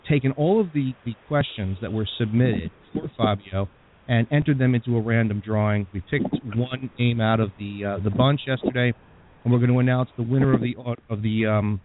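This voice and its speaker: An American man hosts a radio interview in a conversational way. His mid-range voice sounds thin and phone-like, with some noise and clicking behind it. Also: mid-range voice. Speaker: radio show host. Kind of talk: conversational hosting. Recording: phone-like band with clear background noise.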